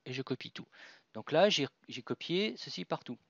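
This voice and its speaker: A man presents a software tutorial, talking through each click on his screen with fillers and restarts. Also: on the high side, animated, normal speed, vocal fry, no echo. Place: at a computer. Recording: dull, dry voice-over with mouse clicks.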